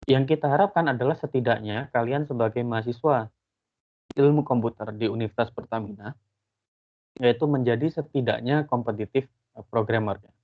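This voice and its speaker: A male university lecturer giving a casual online lesson, explaining at length with frequent fillers. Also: medium pitch. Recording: tinny phone-like line.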